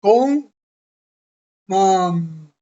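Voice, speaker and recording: Slow, methodical woman teacher. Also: mid-range voice, expressive, mellow. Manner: methodical, often checks in with listeners. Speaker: Bible teacher. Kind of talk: online Bible study lesson. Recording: dull lo-fi computer audio.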